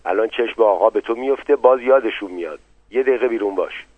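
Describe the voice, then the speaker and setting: A sly, witty aristocrat who drops ironic asides under his breath, as a male narrator plays him. The voice is lowish and dry, coming through a narrow, phone-like band. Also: husky, no room sound. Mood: hurried.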